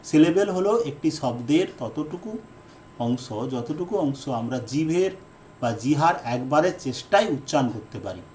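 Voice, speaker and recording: A man who is an English teacher giving a lesson, repeating his key definitions and speaking in slow, deliberate phrases with fillers. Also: mid-range voice, animated, a little mellow, a little hiss or hum. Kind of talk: explanatory lesson lecture.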